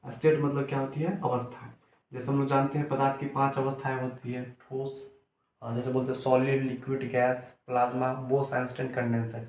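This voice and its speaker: A man teaching chemistry in a classroom lecture style, asking and answering his own questions and repeating key terms slowly. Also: mid-range voice, little pitch movement, darkish tone, a little hiss or hum. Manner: mixes English terms into explanation. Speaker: chemistry tutor. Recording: echoey room.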